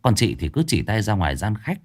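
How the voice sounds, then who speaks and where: A man narrating a ghost story in an expressive, suspenseful way. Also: brisk, breathy edge. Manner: expressive, swinging pitch for suspense.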